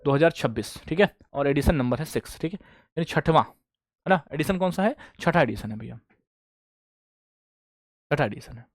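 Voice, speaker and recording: A man's voice: fairly high pitch, lively intonation, normal speed, pauses often, no echo, studio quality. Man teaching a drilling quiz class. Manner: repetitive question-and-answer drilling, addresses students as bhaiya and beta. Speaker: exam coaching teacher. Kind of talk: online current affairs class.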